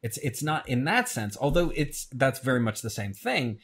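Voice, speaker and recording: A man's voice: mid-range voice, big pitch swings, moderate pace, fairly bright tone. A man, a filmmaker guest, talking in a casual interview, often hesitating and repeating words. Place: radio show studio.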